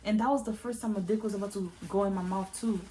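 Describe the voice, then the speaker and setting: A woman's voice: mid-range voice, steady tone, fast, dark tone. A young woman vlogger chatting candidly to viewers in a casual storytime confession, calling them y'all.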